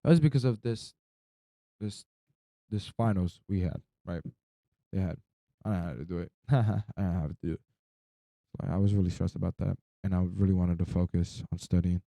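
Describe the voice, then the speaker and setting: A man's voice: deep voice, a little fast, gravelly, long pauses, mellow, no echo. A young man, sleep-deprived and drowsy, rambling casually through a personal story in loose slang with some swearing.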